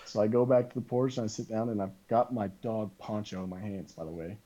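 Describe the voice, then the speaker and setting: A man as a podcast guest, telling a story casually, animated and full of "like" and quoted back-and-forth. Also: fairly low pitch, quick pace, highs cut off.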